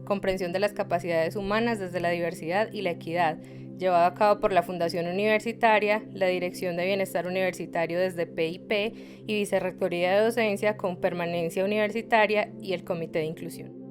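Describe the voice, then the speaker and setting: A woman with a slightly low voice presents a scripted introduction. Music is clearly audible behind her. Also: steady tone, brisk. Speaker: project team presenter.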